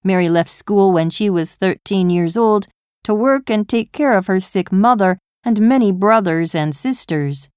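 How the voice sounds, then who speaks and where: A woman reading a short news passage in a careful, measured way for a listening exam. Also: mid-range voice, a little mellow, clear, resonant tone, dry recording, studio quality.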